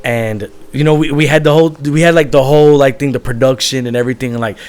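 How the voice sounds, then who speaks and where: Quick-paced and a little mellow, this young man's medium-pitched voice sounds clear and resonant. He's a musician guest in a candid, casual chat, rambling along and filling his sentences with "like."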